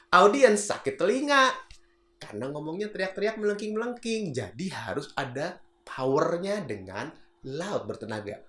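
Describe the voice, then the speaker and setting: Guy chatting thru a public speaking lesson, mid pitch, bit of room echo. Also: fairly bright tone. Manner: chatty, acts out example voices, laughs at own jokes. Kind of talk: casual video lesson. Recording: roomy echo.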